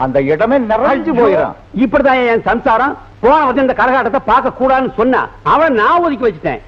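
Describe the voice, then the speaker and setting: A brash, boastful village patron, played by a man, blustering in very high, rapid speech. The sound is dull and lo-fi, like an old film. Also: sing-song, breathy edge, full character voice.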